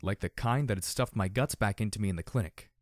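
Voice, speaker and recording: Low-voiced man reading a story. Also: fast talker, dry recording, clean studio sound. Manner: steady first-person narration. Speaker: narrator. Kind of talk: audiobook reading.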